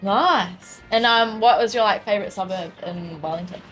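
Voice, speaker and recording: A woman's voice: mid-range voice, moderate pace, fairly bright tone, soft background music. A woman in a casual interview who reads out viewer questions in a chirpy way. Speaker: co-host reading viewer questions.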